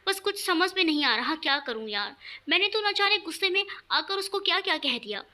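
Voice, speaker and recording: A woman's voice: extremely high pitch, a little fast, exaggerated voice. A woman voicing a stern proud young husband. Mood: troubled. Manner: curt, flat and harsh.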